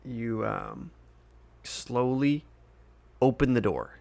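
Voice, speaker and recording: A game master narrating a tabletop game in an unhurried, casual way. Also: mid-range voice, sing-song, gravelly, darkish tone, no room sound.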